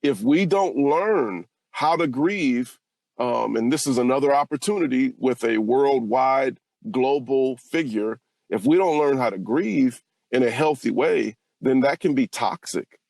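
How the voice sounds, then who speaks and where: An earnest man from California hosts a casual talk show, reflective and open about his feelings. His voice sits at an ordinary middle pitch for a man. It is recorded dry and close, with no room sound. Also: lively intonation, unhurried, creaky, darkish tone, no echo. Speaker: podcast host. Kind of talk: casual podcast conversation.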